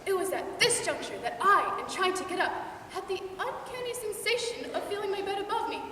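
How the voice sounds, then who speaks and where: A young woman narrating a readers' theatre with lively storytelling. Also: very high voice, a little fast. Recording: echoey hall, far off, noisy.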